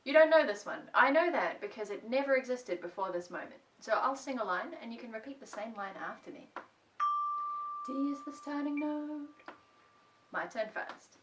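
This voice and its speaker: A woman's voice: on the high side, lively intonation, moderate pace, background noise. A woman music teacher leading a children's music lesson at home, playful, singing song lines between her spoken instructions. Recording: voice a little distant from the mic.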